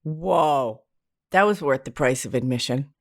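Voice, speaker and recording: An American woman from New England, working as a therapist and spiritual teacher, hosts a solo podcast. Her rumbling low voice has lively intonation and a slightly slow pace, and her talk is candid, informal and self-deprecating.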